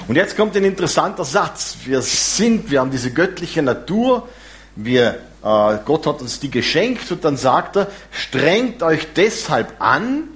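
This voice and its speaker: A man preaching a sermon, lively and warm in his asides, with some self-deprecating humor. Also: mid-range voice. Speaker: pastor.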